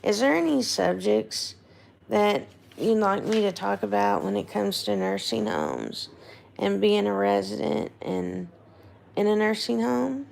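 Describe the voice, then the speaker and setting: Female casual livestream host, voice failing and hoarse, slow unhurried chat, very croaky, faint noise behind. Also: medium pitch, sing-song, a little mellow. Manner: rambling, informal, checking in with viewers. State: hoarse, losing voice, throat gone. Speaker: livestream host, nursing home resident.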